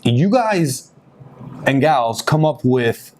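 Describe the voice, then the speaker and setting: A man's voice: medium pitch, very animated, slow pace, a little mellow, a little hiss or hum. Upbeat chatty male podcast host. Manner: chatty, upbeat, lots of fillers and laughs. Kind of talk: casual podcast chat.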